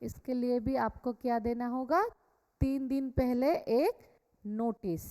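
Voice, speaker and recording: Her voice sits on the high side with a dark tone, fairly even intonation and a slow pace as this Indian woman lectures a company law class in Hindi and English. She instructs, repeats key points and checks understanding in a classroom with online attendees and echoey, hall-like reverb.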